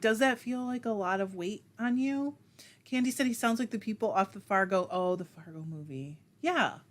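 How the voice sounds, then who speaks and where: Her pitch sits in the middle range as she runs a relaxed livestream, voicing viewer comments and replying with chatty self-deprecation. She keeps breaking into laughter as she talks.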